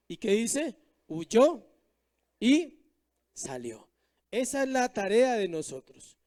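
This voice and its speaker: A man's voice: sits high, darkish tone. A male pastor preaching a sermon to his congregation, reading scripture verses aloud and putting rhetorical questions to the listeners.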